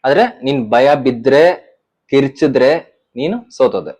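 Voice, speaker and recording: A man's voice: medium pitch, moderate pace, darkish tone. A man performing a casual couple comedy skit, teasing and playful with his wife.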